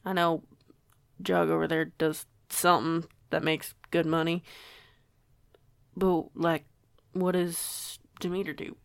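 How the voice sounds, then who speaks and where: Playing a curious, flustered young newcomer in a casual audio roleplay, a woman hesitates and rambles. Her lowish, creaky voice is delivered flatly and slowly, with long pauses, and sounds smooth in a dry, clean studio recording.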